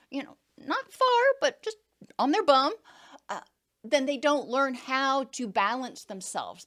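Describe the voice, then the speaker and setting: Female counselor, educational talk, slightly high voice, explanatory. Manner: explanatory, uses everyday examples.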